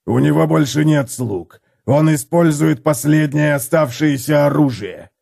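A man voicing a furious, scornful old dwarf warrior who bellows slowly and heavily in an audiobook. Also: fairly high pitch, creaky, darkish tone, voice pushed up, exaggerated voice. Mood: urgent. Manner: bellowing, slow and heavy.

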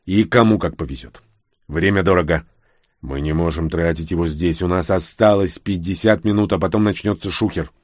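A man voicing a hardened soldier who gives low, hushed, clipped orders in an audiobook. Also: moderate pace, no room sound, studio quality. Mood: grim. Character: grim, hardened male soldier, curt and commanding.

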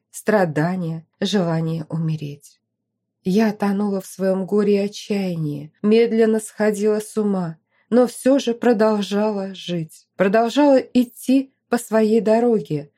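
A woman narrating a first-person novel as an audiobook, in an expressive, emotive reading style. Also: medium pitch.

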